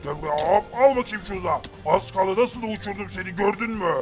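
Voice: medium pitch, expressive, fast, soft background music, lightly acted. A performer voicing a mocking, boastful ghostly villain in a game story who bows to his master. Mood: mocking menace. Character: menacing ghostly game villain, now servile.

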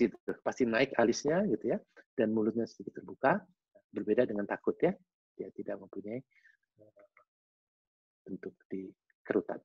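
A man giving a lively webinar lecture, acting out facial expressions with casual slang asides. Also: medium pitch, husky, dry recording. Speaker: behavioral analyst giving a webinar talk. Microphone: video call. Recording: dull lo-fi video call audio.

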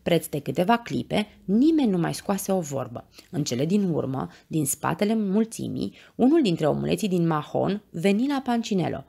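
A woman reading a children's bedtime story aloud, with expressive, animated narration. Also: lowish voice, creaky, few pauses, slightly rough.

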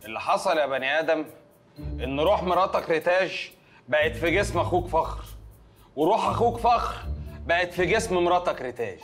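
A man's voice: on the high side, animated, fairly quick, music in the background, lightly acted. An actor playing a know-it-all man who explains strange weapons in a mock-serious, scolding way, with an Egyptian accent. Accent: Egyptian Arabic.

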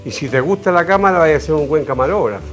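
A man's voice: fairly high pitch, lively intonation, quick pace, soft background music. A man in his sixties with a Chilean accent, casually reminiscing and explaining as a studio guest on a lapel mic. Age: 60s. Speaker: interview guest, veteran television cameraman. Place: television studio. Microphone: lapel microphone.

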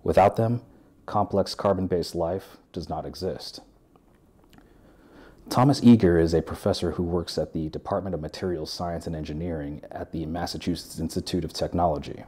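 Deep, husky-voiced man narrating an essay. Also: fairly even intonation, normal speed, mellow. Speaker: welder and video essayist. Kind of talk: scripted narration. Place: living room with a sofa.

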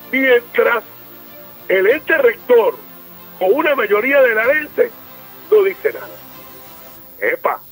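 A Venezuelan man debating on a radio news show in a high, widely swinging voice. He talks emphatically, breaks into exclamations and repeats words as he presses his point. A faint music bed plays under his voice. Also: fairly bright tone, slightly rough, low-quality recording. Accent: Venezuelan Spanish. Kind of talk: heated debate.

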